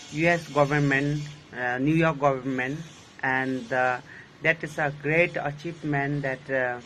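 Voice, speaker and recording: Enthusiastic man, fairly high voice. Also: a bit bright, slight background noise, low-quality recording. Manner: enthusiastic, repetitive, many "uh" fillers. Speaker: well-wisher sending a video message. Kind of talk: recorded video greeting.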